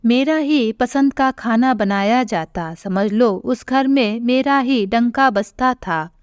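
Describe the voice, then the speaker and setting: A woman voicing a frail elderly widowed mother who speaks softly and tearfully in an audio story. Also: fairly high pitch, takes it slowly, smooth, no room sound, clean studio sound. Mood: sorrowful.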